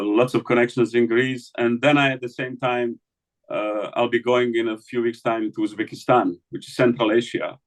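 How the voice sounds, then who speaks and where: Male scholar from the Balkans, mid-pitched, hesitant and thinking aloud in an interview. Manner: hesitant, many fillers and restarts. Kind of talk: academic conversation.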